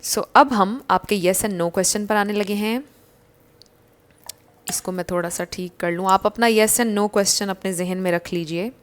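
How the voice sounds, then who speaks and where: A woman giving a casual tarot reading to her viewers, gentle and reassuring, slipping English phrases into her talk. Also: mid-range voice, a little slow. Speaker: tarot card reader.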